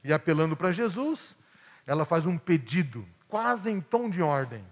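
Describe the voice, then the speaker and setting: A male pastor from Brazil preaching a sermon, swinging between emphatic peaks and hushed asides. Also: a little high, very animated, moderate pace. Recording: long church hall reverb.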